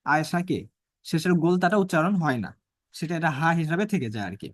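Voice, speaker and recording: Guy teaching arabic grammar online, kinda high voice, dry sound, keeps asking then answering himself. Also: animated, no room sound. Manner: repeats phrases and asks rhetorical questions; reads Arabic phrases slowly and deliberately.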